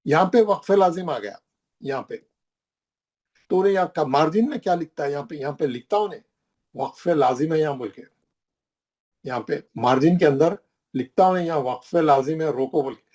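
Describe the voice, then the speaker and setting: A man leads a classroom lesson, his voice sitting a little high for a man. He talks in a steady, repetitive way and stresses key words again and again to drive each point home. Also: a little fast, pauses often. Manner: repetitive, emphatic, points at the page while explaining. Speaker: Quran recitation teacher. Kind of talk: classroom lesson explaining recitation rules.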